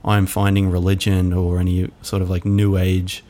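A man hosting a reflective solo podcast, musing aloud in a halting way with many fillers. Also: sits low, completely flat delivery, warm tone. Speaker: podcast host.

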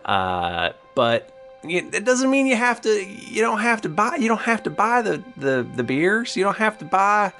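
A man playing a flustered, apologetic town leader in an improvised tabletop game, halting and stammering as he placates everyone. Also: sits high, sing-song, bright, forceful tone, faint music behind, full character voice. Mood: flustered, placating. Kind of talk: improvised tabletop role-play.

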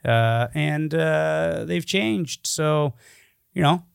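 A man's voice: fairly high pitch, animated, extremely slow, vocal fry, clean tone, no room sound, clean studio sound. A young man co-hosting a podcast in casual chat, rambling and swearing with lots of fillers. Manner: rambling, profane, full of fillers. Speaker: podcast co-host.

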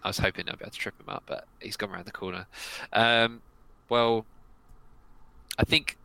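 A man with a very low voice playing a tabletop game. His tone is bright and forceful, smooth and resonant, and he thinks aloud about his character's choices, often restarting his sentences. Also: steady tone, moderate pace, no room sound, rough recording. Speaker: player.

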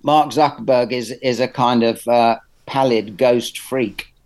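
A man's voice: mid-range voice, fairly even intonation, unhurried, darkish tone, poor audio. A man with a British accent being interviewed as an artist, talking casually in a hesitant, rambling, anecdotal and blunt way.

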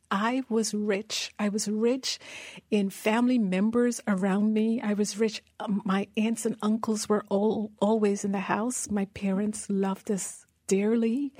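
A woman's voice: mid-range voice, darkish tone, dry recording, studio quality. A middle-aged woman from Guyana, a guest in an interview, telling her story earnestly. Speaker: guest, managing director. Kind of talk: interview conversation.

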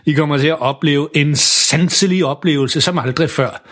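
A man doing a cocky, boastful dad. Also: fairly high pitch. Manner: cocky and loud. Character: boastful, embarrassing middle-aged father.

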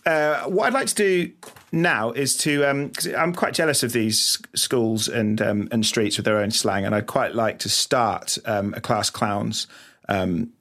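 A man's voice: lowish voice, a little slow. Hesitant male podcast host. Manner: hesitant, lots of ums, gently upbeat. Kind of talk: casual podcast chat.

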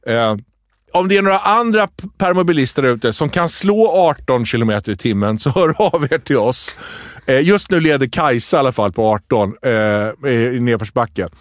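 A male podcast co-host chatting casually and retelling stories with playful voices. His pitch swings widely as he talks. The sound is dry and close. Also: no echo. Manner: lively storytelling, acts out quotes. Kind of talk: casual chat.

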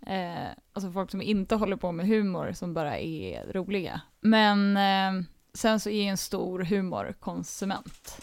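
A woman comedian chatting casually as a podcast guest, animated, with frequent laughs and fillers. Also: mid-range voice, creaky, few pauses, no echo.

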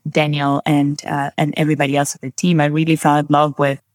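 An interview guest from Peru talks with open enthusiasm, often restarting sentences and leaning on fillers. The voice sits at a middling pitch, and the sound is dry with little room echo. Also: completely flat delivery, a little fast. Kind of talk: casual interview.

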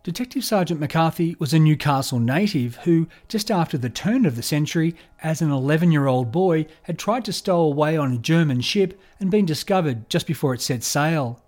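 A man narrating a true crime story in a measured, scripted storytelling delivery. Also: on the high side, lively intonation, darkish tone.

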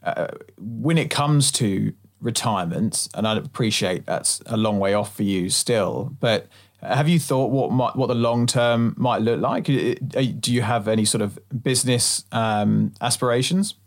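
A man's voice: mid-range voice, measured pace. A man chatting casually and informally as a podcast co-host, given to banter. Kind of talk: casual chat.

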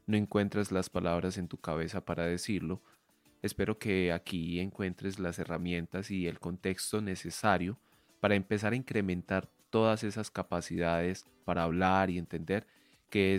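A man in his thirties from Medellín with a Colombian accent, speaking directly to learners as a podcast host in a clear, measured teacher's way. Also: low-pitched, darkish tone, dry recording. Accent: Colombian Spanish from Medellín. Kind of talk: podcast monologue for language learners.

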